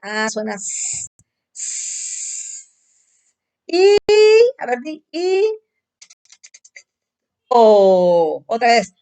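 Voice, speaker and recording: A woman with a somewhat high voice walks a young child through letter sounds at home. She speaks slowly and draws out each sound, coaxing the child to repeat after her with patient encouragement. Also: big pitch swings, warm tone, clear, resonant tone. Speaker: teacher. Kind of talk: phonics lesson for young children.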